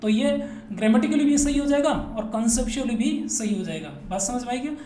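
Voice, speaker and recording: A man's voice: extremely high pitch, lively intonation, fairly quick, dark tone. Echoey male teacher drilling students playfully. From Rajasthan, India. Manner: drills students, asks and answers his own questions; playful, repetitive. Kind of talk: classroom grammar lesson. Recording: echoey room with faint noise.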